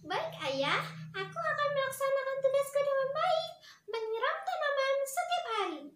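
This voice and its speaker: A young woman teacher reading aloud as an eager schoolgirl asking her father questions, in a high, earnest, sing-song voice. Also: sing-song, moderate pace, background noise. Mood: curious. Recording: echoey classroom from far off.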